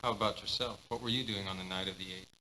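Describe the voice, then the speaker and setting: A man's voice: on the low side, fairly even intonation, quick pace, pushed and bright, slight background noise, low-quality recording. An actor voicing a methodical, businesslike male police detective in dubbed game dialogue, asking plain questions. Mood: questioning.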